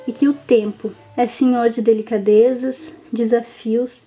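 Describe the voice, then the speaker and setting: A woman, gently narrating a reflective personal story in short, lingering phrases. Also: on the high side, little pitch movement, a little slow.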